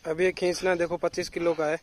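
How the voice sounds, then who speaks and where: A man's voice: fairly high pitch, little pitch movement, quick pace. A man giving short live commentary as each workout challenge is done outdoors. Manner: short announcing remarks. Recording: outdoor recording with clear background noise.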